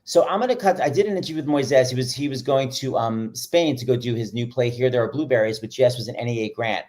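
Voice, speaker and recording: A man's voice: mid-range voice, fast talker, darkish tone. Man, show host, campy, joking, casual. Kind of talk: casual chat.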